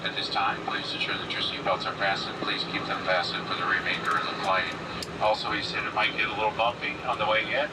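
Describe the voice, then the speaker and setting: A man on the crew making a plane cabin announcement over the PA, in a brisk, routine way. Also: lowish voice, level tone. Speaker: airline cabin crew member. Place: airplane cabin in flight. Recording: distant cabin PA under loud engine noise.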